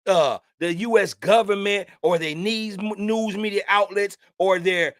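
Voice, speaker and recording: A man's voice: high-pitched, a little slow, fairly bright tone, no echo, studio quality. A man hosting a casual opinion podcast, talking in a loose, slangy, rambling way. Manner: loose, slangy and talkative, with frequent "man" and "you know what I'm saying". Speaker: podcast host.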